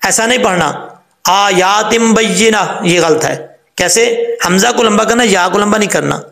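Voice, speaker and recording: A man explains recitation rules step by step, stopping to draw out example words slowly. His voice sits high and bright, with a gravelly edge. The room around him rings with echo. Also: lively intonation. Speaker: Quran recitation teacher. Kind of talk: tajweed lesson.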